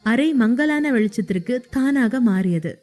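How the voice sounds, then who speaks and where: A woman reading a romance story aloud in steady scripted narration. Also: on the high side, unhurried.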